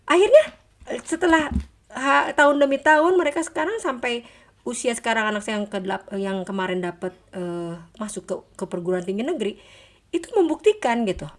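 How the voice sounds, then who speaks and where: Middle-aged lady guest at church bible study, kinda high voice, lively storyteller who laughs a lot. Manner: animated storyteller, laughs often, quotes her children. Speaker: guest speaker. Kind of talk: testimony in a church talk.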